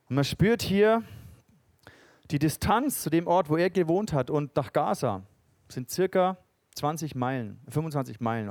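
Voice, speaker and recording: German guy preaching, fairly high voice, dry close sound, goes big then drops low. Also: no room sound. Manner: lively storytelling, swings from loud bursts to quiet asides. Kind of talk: sermon.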